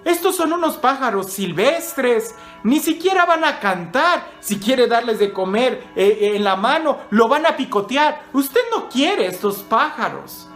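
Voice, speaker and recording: A man voicing a cruel, cocky boy who carries caged birds, in a raised, drawn-out storyteller voice. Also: very high-pitched, lively intonation, a bit bright, soft background music, voice pushed up, full character voice. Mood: boastful.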